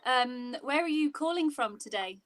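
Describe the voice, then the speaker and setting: A woman's voice: high voice, expressive, moderate pace, a bit bright. A woman hosting a casual live interview over a video call, speaking conversationally. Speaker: host.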